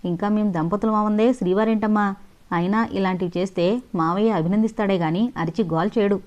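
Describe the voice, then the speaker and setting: A woman's voice: medium pitch, fairly even intonation, a little fast, a little mellow, highs cut off, natural voice. A woman voicing a compassionate young woman who talks in an earnest, pleading way, in an audio novel. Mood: earnest, indignant.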